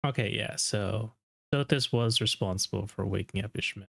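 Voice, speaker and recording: A man's voice: fairly low pitch, moderate pace, creaky, a bit bright. A man giving casual, off-the-cuff live commentary as a streamer reacting to game trailers.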